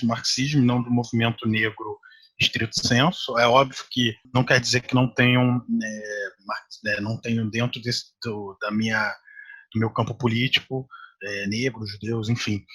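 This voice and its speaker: A man from Brazil, a podcast guest, speaking in a measured, thoughtful way and often rephrasing himself. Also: mid-range voice, bright, forceful tone, slightly rough. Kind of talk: reflective conversation.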